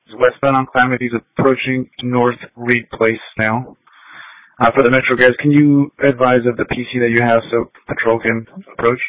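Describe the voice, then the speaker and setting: Flat-voiced officer on police radio. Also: male voice, medium pitch, moderate pace, no room sound. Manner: flat, matter-of-fact status updates. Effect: police scanner radio. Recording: narrow radio band, very dry.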